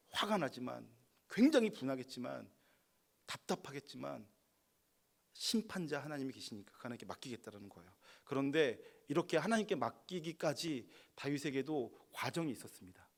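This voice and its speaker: A man preaching a midweek sermon as pastor, swinging from quiet asides to loud, emphatic outbursts and reading scripture slowly and deliberately. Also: mid-range voice.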